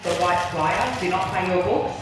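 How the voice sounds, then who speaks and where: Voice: medium pitch, fairly even intonation, moderate pace. A bingo caller announcing numbers digit by digit in short, formal set phrases. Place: large indoor bingo hall, heard over speakers. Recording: echoey hall PA from far off, noisy.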